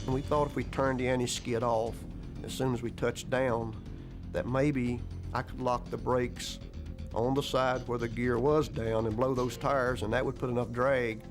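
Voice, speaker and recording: A man who is an airline captain talks through past events in a documentary interview, with background music behind him. His mid-range voice keeps a level tone at normal speed, and his plain, matter-of-fact account uses folksy grammar.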